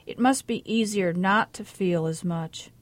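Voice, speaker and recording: A woman voicing a volatile, resentful mother who snaps sharp retorts during a family fight. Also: mid-range voice, measured pace, no room sound, natural voice. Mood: bitter.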